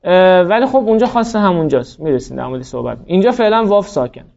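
A man's voice: high-pitched, animated, creaky, a little mellow, muffled recording. A man teaching a grammar class, explaining each rule step by step and quizzing his students as he goes. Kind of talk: classroom lecture.

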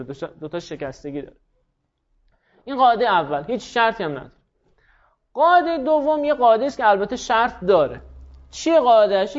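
Male teacher, high-pitched, walks through rules and quizzes himself aloud; muffled lo-fi sound. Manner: explains rules step by step, asks and answers his own questions. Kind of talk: classroom lecture.

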